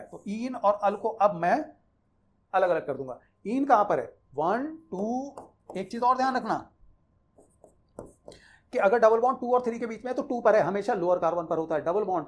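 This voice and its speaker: Mixing Hindi and English, a man with a high-sitting, darkish voice teaches chemistry, walking students through IUPAC naming rules in a conversational way. He goes back over the key points so they stick.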